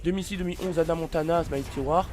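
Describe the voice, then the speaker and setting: A man's voice: fairly high pitch, fairly even intonation, rapid-fire, darkish tone. A man casually presenting a celebrity biography, hesitant and full of fillers and restarts, apologizing now and then. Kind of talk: casual read-aloud commentary. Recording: faint background noise.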